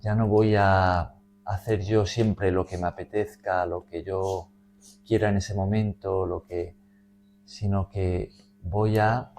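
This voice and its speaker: A man's voice: on the low side, a little mellow, slight background noise. A man leading a Bible study, explaining a passage in a teacherly way and often checking in with his listeners.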